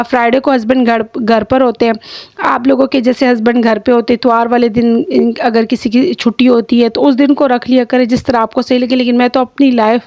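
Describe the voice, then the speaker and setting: A woman's voice: a little high, darkish tone, no echo. A middle-aged woman with a Pakistani Urdu accent and a slightly sore throat, chatting to viewers in a rambling home vlog, full of fillers and restarts. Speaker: vlogger, homemaker. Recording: dry close sound.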